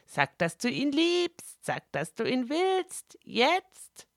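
A shrill, panicky female sprite shrieks her orders in a piercing high voice. She sounds frantic and domineering, like a pushy storybook spirit. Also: wildly swooping pitch, slow, creaky, dry recording, studio quality, heavily acted. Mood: urgent hissing. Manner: frantic bossy yelling.

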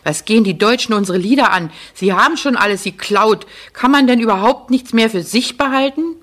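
A woman voicing a bitter, defiant boy prisoner, gruff and muttering. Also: lowish voice, normal speed, a bit bright. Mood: angry.

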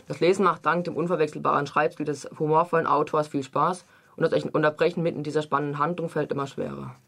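Young male reviewer, fast, slightly high voice, brisk even reading. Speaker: book reviewer and reader. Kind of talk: reading a novel excerpt aloud, then casual review chat.

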